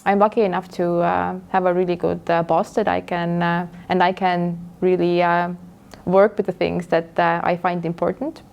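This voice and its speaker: A woman's voice: on the low side, little pitch movement, moderate pace, creaky, few pauses, a little mellow, highs cut off. A woman from Estonia, a native Estonian speaker, introducing herself as a guest speaker in a hesitant way with many fillers. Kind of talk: casual lecture introduction.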